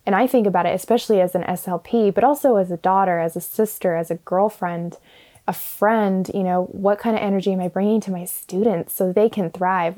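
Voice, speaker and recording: A woman's voice: fairly low pitch, mellow. A young adult woman hosting a podcast in a casual, thoughtful monologue, her voice muffled because her usual microphone failed. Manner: thoughtful, many fillers and restarts. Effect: muffled audio from a fallback microphone. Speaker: podcast host and speech-language pathologist.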